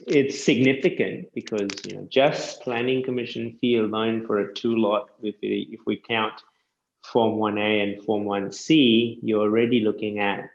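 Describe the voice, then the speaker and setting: A man who works as a land surveyor, chatting casually and explaining things step by step with quick self-corrections. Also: mid-range voice, gravelly, reverberant, dull audio. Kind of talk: casual podcast chat.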